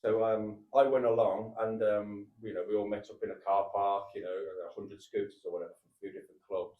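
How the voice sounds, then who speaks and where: Low-voiced Brummie man, off-mic. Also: little pitch movement, fairly quick, distant mic, narrow, tinny audio. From Birmingham, England. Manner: rambling, self-mocking, with frequent fillers. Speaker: band member. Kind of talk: casual chat. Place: backstage green room. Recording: roomy, from off-mic.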